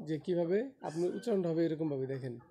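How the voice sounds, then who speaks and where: A man's voice: fairly high pitch, lively intonation, brisk, dark tone. A man teaching English grammar in a classroom, quizzing his students and scolding them when they lose focus.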